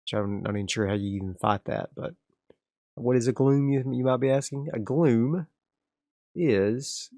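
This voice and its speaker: A man with a mid-range voice, speaking at normal speed, casually narrates his solo tabletop game and muses aloud while arranging his next area. His manner is loose and rambling with many restarts, recorded cleanly in a studio with no room sound.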